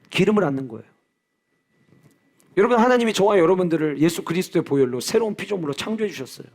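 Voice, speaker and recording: A man's voice: on the high side, darkish tone. A male pastor preaching in a church, earnest and personal. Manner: earnest, personal, with acted-out quotes. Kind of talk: sermon. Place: church sanctuary.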